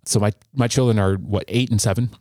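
A man in his thirties, a podcast guest, telling a personal story in an earnest, halting way with frequent restarts. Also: fairly low pitch, steady tone, mellow, no echo, clean studio sound.

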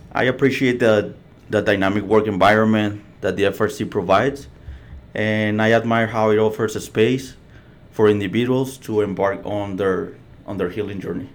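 A man introducing himself in a composed, slightly formal way. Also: fairly low pitch. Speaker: resilience navigator. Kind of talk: personal introduction.

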